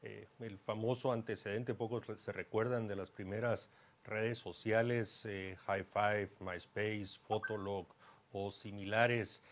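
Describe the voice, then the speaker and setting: A man with a lowish voice hosts an interview. He sets out long questions with measured emphasis, pressing his guest for explanations. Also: steady tone, slight background noise.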